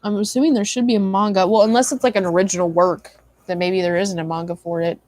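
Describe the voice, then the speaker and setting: A woman's voice: medium pitch, steady tone, fast, darkish tone, no room sound. A tired young woman chatting casually with her stream viewers, rambling with many likes and ums. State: tired, yawning. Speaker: livestream host.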